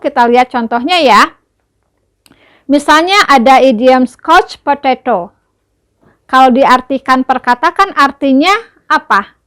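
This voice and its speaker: A woman's voice: high voice, fairly bright tone. A young woman teacher explaining an English lesson patiently, often checking that listeners follow. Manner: patient, checks understanding with tag questions.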